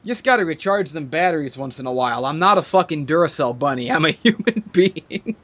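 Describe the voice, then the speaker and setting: A man's voice: fairly high pitch, lively intonation, fairly quick, fairly bright tone. A man hosting a podcast, ranting in a profane, sarcastic and mock-arrogant way in casual chat. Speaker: podcast host.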